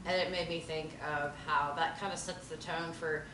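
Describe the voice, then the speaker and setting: A woman who read the stage directions shares her notes thoughtfully in a casual discussion, hunting for words with many fillers. Her voice is low, fairly even, and at a normal speed. The recording is noisy, with an echoey room and a distant mic.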